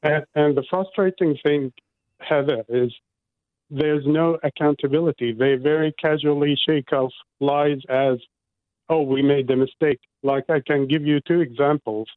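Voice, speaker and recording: A man's voice: fairly high pitch, fairly even intonation, no echo. Earnest man on a tinny phone line. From Iraq. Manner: earnest, indignant, measured. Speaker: guest, resident. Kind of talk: radio phone interview.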